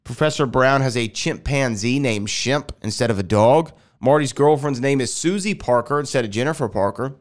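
Speaking at a normal speed with few pauses, a man with a medium-pitched voice runs a casual solo podcast. He's from Houston and records in his air-conditioned home, rambling and revising himself along the way. A lingering sinus infection gives him a nasal sound.

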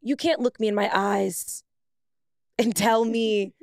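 A young woman co-hosting a casual sports podcast, animated and emphatic, laughing often. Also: mid-range voice, takes it slowly, gravelly, dry recording, clean studio sound. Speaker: podcast co-host, former pro soccer player. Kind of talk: casual chat.

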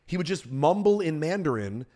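A man's voice: fairly high pitch, sing-song, normal speed, mellow. A man hosting a podcast, teasing his guest in a dry, casual way. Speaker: podcast host. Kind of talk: casual comedic chat.

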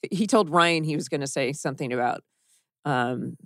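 A woman's voice: low voice, expressive, normal speed, no echo, studio quality. A woman co-hosting a casual rewatch podcast, chatty and retelling scenes with quoted lines. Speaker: podcast co-host.

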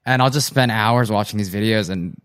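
A man's voice: lowish voice, a little fast, fairly bright tone, clean tone. A man joins a casual chat and makes wry, self-deprecating remarks.

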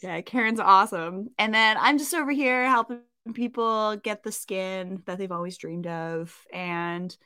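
A woman's voice: medium pitch, measured pace, hardly any pauses, pushed and bright, clear, resonant tone, no room sound, studio quality. A woman with a Canadian accent co-hosting a podcast in a chatty, self-mocking way, full of rambling asides. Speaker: podcast co-host. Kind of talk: casual podcast chat.

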